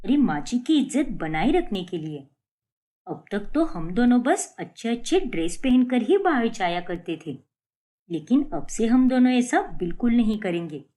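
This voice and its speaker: A woman's voice: fairly high pitch, big pitch swings, normal speed, mellow. A woman voicing a young daughter-in-law in a cartoon story who schemes and defies her mother-in-law. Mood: scheming. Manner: complaining, defiant.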